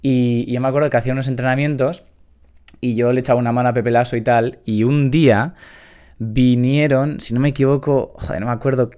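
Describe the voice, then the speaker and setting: A man's voice: medium pitch, steady tone, fairly quick, a little mellow, clear, resonant tone. A man in his thirties telling a rambling anecdote in casual talk, swearing now and then. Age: 30s.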